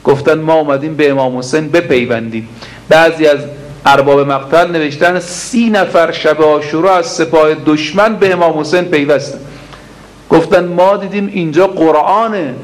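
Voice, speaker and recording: A man preaching a religious sermon to a congregation, chanting Arabic prayer lines slowly and then explaining them briskly with rhetorical questions. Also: a little high.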